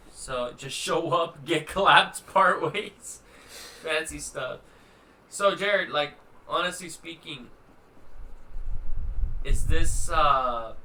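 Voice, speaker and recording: Bright-voiced young man hosting a podcast. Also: fairly high pitch, slight background noise, poor audio. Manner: laid-back, slangy, laughs often. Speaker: podcast host. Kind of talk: casual podcast chat.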